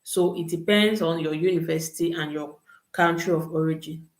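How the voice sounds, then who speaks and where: A young woman hosts a live Q&A, giving advice and checking in with "okay" and "all right." Her voice sits a little low. The room around her sounds echoey and open. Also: fairly even intonation, moderate pace. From Cameroon. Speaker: host answering study-abroad questions. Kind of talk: live Q&A chat. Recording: roomy echo.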